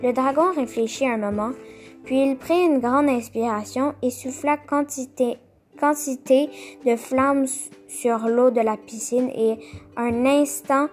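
A woman reading a children's picture book aloud, slow and careful, stopping to explain the pictures. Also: fairly high pitch. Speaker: storyteller.

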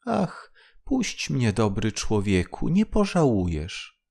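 A man voicing a tiny magic golden fish who calls herself queen of the seas, in a thin, pleading, high voice. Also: huge pitch swings, slow pace, creaky, darkish tone, heavily acted.

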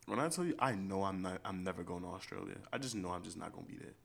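A man's voice: deep voice, lively intonation, rapid-fire, creaky, crowd noise. A young man co-hosting a podcast, bantering casually in a slangy frat-bro manner. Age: young adult. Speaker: podcast co-host.

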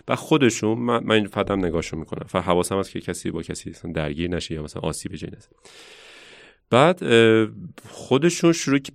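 A man who works as a science educator, telling stories in a relaxed conversational way and thinking aloud as he reflects. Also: fairly low pitch, creaky, no echo, studio quality. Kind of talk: casual conversational storytelling.

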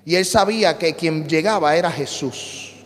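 A man preaching an impassioned sermon, swinging from loud repeated shouts to low storytelling. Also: normal speed, long reverb tail. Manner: shifts from shouting to hushed storytelling, repetitive cadence. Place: church sanctuary.

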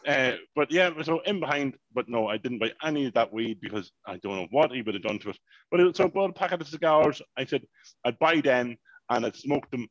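A man, telling a long, animated story in casual podcast chat and swearing freely. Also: mid-range voice, fairly quick, dry recording, highs cut off. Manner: animated, swears freely, repeats "mayhem" and "unbelievable". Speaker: podcast co-host.

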